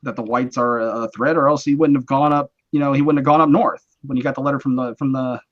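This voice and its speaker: A man hosting a casual live chat, mid-pitched and talking things through in long, rambling explanations full of restarts. His voice comes through slightly muffled, like lo-fi stream audio. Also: fairly even intonation, fast. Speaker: host.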